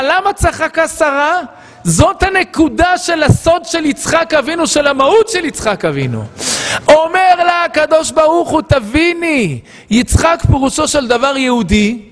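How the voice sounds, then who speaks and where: A rabbi preaching an impassioned sermon, firing off rhetorical questions and scolding his listeners. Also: extremely high pitch. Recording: long hall reverb.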